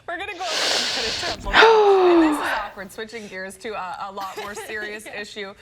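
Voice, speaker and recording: A woman's voice: on the high side, expressive, a little fast, a crowd in the background. A woman anchoring TV news with chatty live banter, prone to giggles.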